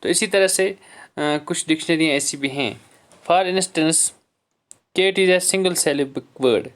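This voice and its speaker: A male English teacher giving a classroom lesson on syllables. He reads each English line slowly, explains it in Hindi, calls his students dear children and clears his throat often. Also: fairly high pitch, a bit bright.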